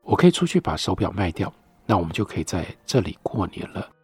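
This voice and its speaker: A man reading the lines of a young Japanese woman caught in a hopeless postwar love affair, in a quiet, questioning way. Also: sits low, sing-song, fast, husky, no echo, soft background music, exaggerated voice. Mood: searching.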